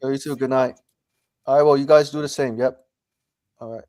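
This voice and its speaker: A man's voice: medium pitch, fairly even intonation, fairly quick, a little mellow, no room sound. A man chatting casually on a group call, polite and accommodating. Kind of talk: casual chat.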